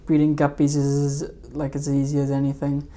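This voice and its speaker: A woman's voice: sits low, monotone, moderate pace, mellow. A woman hosting a fishkeeping live stream, rambling casually and hesitantly over her old videos. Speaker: fishkeeping channel host.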